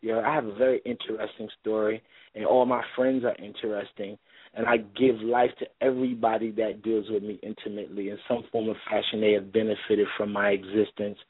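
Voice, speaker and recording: A man in his thirties, a guest on a casual radio show, brags in profane street slang over a phone-line call-in. His voice is on the low side and slightly rough, with a level tone and a slightly quick pace. The recording is dry.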